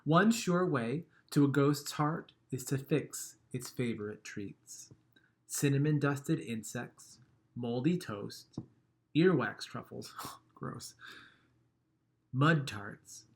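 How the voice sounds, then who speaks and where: A man with a mid-range voice reads a children's picture book aloud, gentle and expressive. He lets his lines trail off softly and chuckles at the funny parts.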